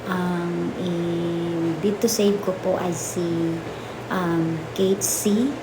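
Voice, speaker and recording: Girl um-ing through her picks, lowish voice, echoey noisy room. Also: very slow. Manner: hesitant, many fillers. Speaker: reality show housemate. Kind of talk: nomination confessional. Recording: echoey room with steady noise.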